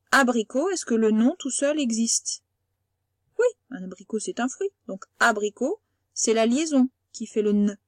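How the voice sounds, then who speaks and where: Institutrice patiente, voix aiguë et sèche. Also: female voice, on the high side, darkish tone, dry recording, studio quality. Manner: patient, explains slowly and repeats words. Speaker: primary school teacher. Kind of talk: remote lesson for young pupils.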